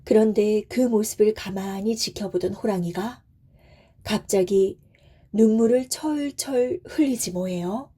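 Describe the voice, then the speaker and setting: A woman narrating a bedtime folk tale in a soft, soothing, gentle way. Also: mid-range voice, unhurried, breathy edge. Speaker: storyteller.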